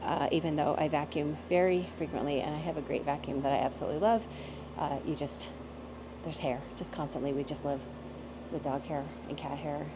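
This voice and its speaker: A woman's voice: low-pitched, steady tone, a little fast, noisy background. A middle-aged woman from the United States chatting casually through a home vlog, meandering from one thing to the next as she shows her house. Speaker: author vlogging her day.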